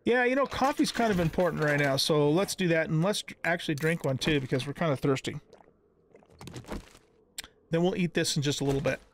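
A middle-aged gaming channel host gives casual let's-play commentary in a slightly high, slightly quick voice. He thinks aloud in a folksy manner, full of exclamations, over clear background noise punctuated by clicks.

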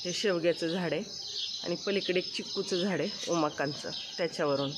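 A woman's voice: on the low side, fairly quick, very noisy. A middle-aged woman narrating a casual village vlog outdoors, chatty and pointing things out to viewers. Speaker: vlogger. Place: outdoors around a village home and farm. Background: birds and outdoor ambience.

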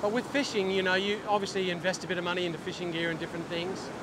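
A middle-aged Australian man, a fishing instructor and vlogger, speaks to the camera very fast in a relaxed, casual teaching style, his voice high for a man. He's outdoors on an open ocean beach, with waves, surf and wind clearly audible behind him.

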